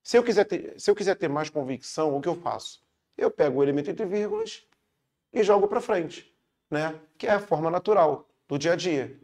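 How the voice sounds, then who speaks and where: A man's voice: on the high side, lively intonation, fairly quick, a little mellow. A man with a Brazilian Portuguese accent teaching a casual online grammar lesson, chatty and upbeat, checking in with his students after every point.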